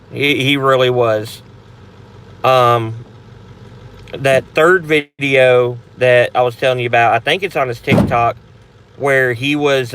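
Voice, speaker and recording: A man's voice: mid-range voice, fairly bright tone. A man hosting a casual live Q&A for a paranormal channel, talking in a rambling, blunt way with frequent restarts and some swearing.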